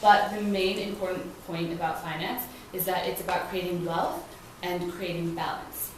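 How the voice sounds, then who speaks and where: A woman's voice: fairly low pitch, steady tone, normal speed. A young woman mentoring students, talking in a casual, chatty way with lots of fillers. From grew up in several countries, mostly New Zealand. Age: young adult. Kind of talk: informal talk to young students. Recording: echoey room, voice from far off, clear noise.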